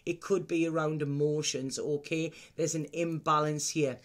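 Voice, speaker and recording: A man's voice: on the high side, flat delivery, normal speed, fairly bright tone. A man giving an unscripted mystical horoscope reading as a tarot reader, speaking straight to the listener with reassuring advice and frequent checking tags.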